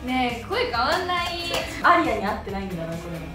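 A teenage girl chats casually and playfully with a group. Her high voice moves up and down a lot. Loud music plays behind her. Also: sing-song, fast talker, reverberant, distant mic. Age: teens. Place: small room, indoors, sofa.

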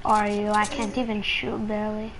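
A woman's voice: medium pitch, monotone, moderate pace, rough recording. A woman chatting casually as she plays an online video game. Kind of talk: casual gaming chat during an online match. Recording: clear game noise behind voice.

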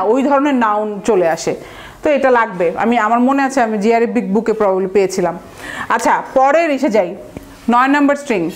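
A Bangladeshi woman with a high voice gives a recorded vocabulary lecture. She explains step by step, repeats the key words and slips English terms into her talk.

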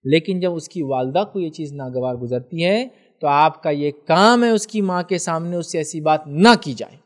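A man from India gives a religious question-and-answer talk, with a voice that sits a little high for a man. He lays out his reasoning step by step and keeps asking whether the listener has understood. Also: normal speed. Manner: explanatory, often checks the listener understands. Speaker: Islamic scholar answering viewers' questions.

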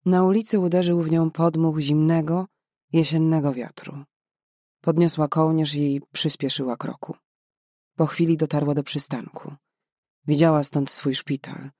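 A man narrating a novel in a measured, dramatic way. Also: on the high side, level tone, dark tone, no echo, clean studio sound. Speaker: audiobook narrator. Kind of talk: scripted narration.

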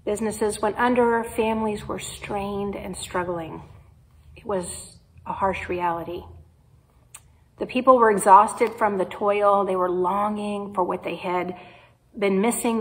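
A woman pastor with a Midwestern American accent, preaching a sermon in a slow, measured way with pauses. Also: mid-range voice, steady tone, low-quality recording. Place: church sanctuary.

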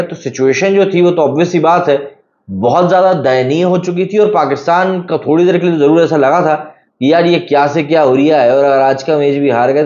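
A man's voice: on the high side, darkish tone. A man giving a casual, chatty cricket match analysis, often calling viewers brother. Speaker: cricket news presenter. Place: studio. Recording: echoey, slightly dull room recording.

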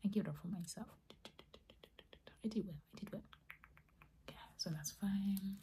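A woman doing a fast, aggressive whispered role-play as a makeup artist, mostly whispering with rapid repeated words and slipping into soft speech. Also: medium pitch, slight background noise.

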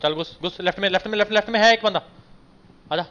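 Streamer casting: high-pitched man, bossy squad calls over loud gunfire. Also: dull audio, background noise. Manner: bossy rapid callouts, hypes himself. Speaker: gaming streamer. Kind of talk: live gameplay callouts with squad. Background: game gunfire.

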